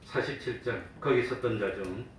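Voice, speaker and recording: A man's voice: medium pitch, fairly quick. A male pastor preaching a sermon in a church, asking his congregation questions and answering them himself, and sometimes acting out mocking voices. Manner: acts out the mockers in a raised, taunting voice. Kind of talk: sermon with call-and-response questions. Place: church sanctuary. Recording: very echoey room from a distance, faint hum.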